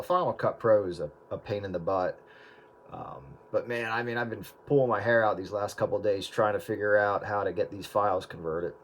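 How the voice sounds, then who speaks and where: The Northeastern video editor speaks in a lowish voice over a noisy background, loosely chatting about old video editing with plenty of fillers and restarts.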